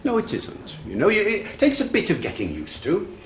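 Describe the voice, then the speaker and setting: A man's voice: sits high, wildly swooping pitch, normal speed, echoey room, slight background noise. A man giving a public talk to an audience, explaining things and telling anecdotes, with occasional fillers. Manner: explanatory, storytelling, uses fillers. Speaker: festival speaker on language. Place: room with an audience.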